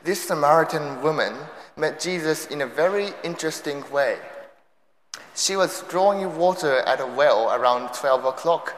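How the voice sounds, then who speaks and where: A young man with a Japanese accent gives a sermon in an echoey hall with long reverb, mixing in light self-deprecating humor. His voice is a little high at a moderate pace, with some hiss or hum on the recording.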